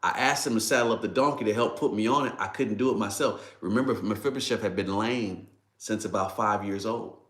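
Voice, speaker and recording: A man with a low voice delivers a devotional sermon, acting out scripture dialogue. He gets emotional and keeps repeating exclamations. The room around him is echoey. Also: fairly quick, fairly bright tone. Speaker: preacher. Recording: roomy echo.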